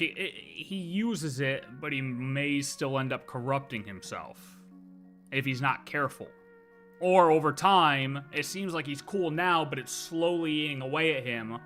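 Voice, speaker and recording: Bright and pushed, his mid-range voice carries casual live commentary as he plays a game and thinks out loud. The speaker is a game streamer, and faint game music can be heard.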